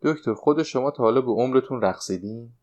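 A man's voice: medium pitch, darkish tone, lo-fi sound, natural voice. A man reading the part of a fretful, nostalgic woman of sixty-nine, a former stage dancer, in an audiobook. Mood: confiding.

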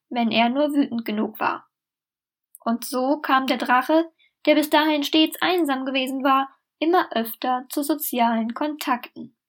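A woman narrating a scripted, satirical fairy tale in a dry, mock-solemn way. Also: high voice. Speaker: storyteller.

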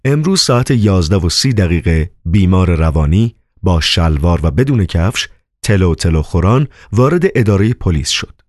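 A man narrating an audiobook novel in an expressive, dramatic reading manner. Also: sits low, no echo, clean studio sound.

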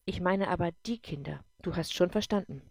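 A woman voicing a caring but firm mother in an audiobook, speaking calmly and steadily. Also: lowish voice, brisk, creaky, dry recording. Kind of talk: audiobook character voice.

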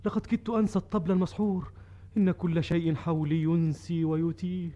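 A man's voice: on the high side, little pitch movement, brisk, mellow, lo-fi sound, lightly acted. A man playing a homesick young folk-tale hero, plaintive and earnest, in a theatrical classical Arabic drama. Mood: homesick, pleading. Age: young adult.

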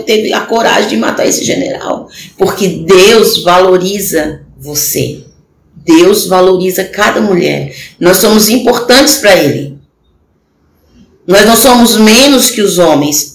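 A woman preaching a sermon on a live stream, earnest and exhorting, speaking straight to the listener. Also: lowish voice. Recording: echoey room with faint ambience.

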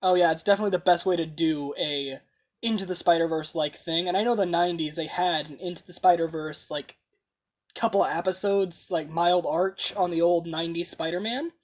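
A woman's voice: lowish voice, steady tone, fairly quick. A young American woman from South Florida hosts a casual podcast chat, laid-back and laughing often. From South Florida, USA. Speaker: podcast host.

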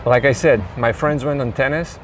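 A man's voice: mid-range voice, moderate pace, slight background noise. A man from Croatia with a Croatian accent, a tennis coach talking in a casual interview in a thoughtful, rambling way with many fillers.

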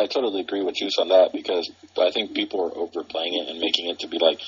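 Very deep flat man on speakerphone. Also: slightly rough. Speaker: cousin reviewing movies. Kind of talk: casual chat. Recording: muffled speakerphone call.

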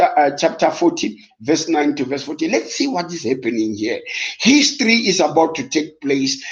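A South African man, a native Sotho speaker, preaching a live-streamed Bible lesson with emphatic repetition and rhetorical questions. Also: fairly high pitch. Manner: switches between English and Sotho. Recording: dull, lo-fi live-stream audio.

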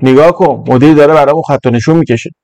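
A man reading a story aloud, voicing a scrawny, frightened schoolboy who whines in slangy talk with his voice pushed high. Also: darkish tone, no room sound, close to an everyday voice. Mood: whiny, anxious. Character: scrawny scared schoolboy, cheeky, whiny.

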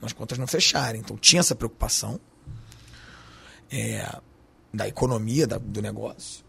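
A man's voice: lowish voice, normal speed, gravelly, a bit bright, breathy edge. A man with a Carioca accent, a restaurant owner talking in an interview, slangy and emphatic. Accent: Carioca Portuguese. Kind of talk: podcast interview.

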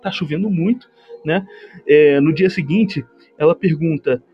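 A man's voice: a little high, a little slow, dull audio, soft background music. A man with a Brazilian accent retelling a movie on a livestream, rambling and sarcastic, mocking the characters with lots of slang. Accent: Brazilian Portuguese. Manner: rambling, animated storytelling with slang. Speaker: livestream host. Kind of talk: comedic movie recap.

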